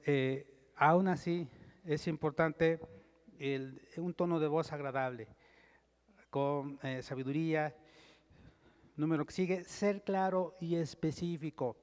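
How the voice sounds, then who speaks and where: A male pastor preaching a sermon, teaching point by point in a measured way and reading scripture aloud. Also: on the high side, a little mellow. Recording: long hall reverb.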